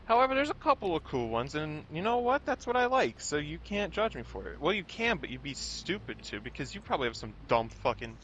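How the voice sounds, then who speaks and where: A man's voice: sing-song, brisk, few pauses, fairly bright tone, slight background noise, poor audio. A young man rambling in an absurd rant while streaming a game. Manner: absurd, rambling, jumps into squeaky mock voices.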